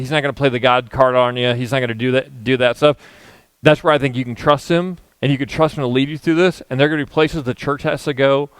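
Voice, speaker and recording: A man's voice: medium pitch, fairly bright tone, smooth, dry recording. A male guest pastor on a church stage, preaching a conference sermon through humorous, self-deprecating stories. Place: church stage before a live audience.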